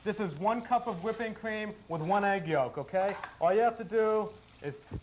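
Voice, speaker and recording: A man's voice: high voice, normal speed, darkish tone, a little hiss or hum. A man co-hosting a cooking demonstration, upbeat and encouraging, cheering on his partner and explaining the steps. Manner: upbeat, encouraging, prompts co-host. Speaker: cooking show co-host.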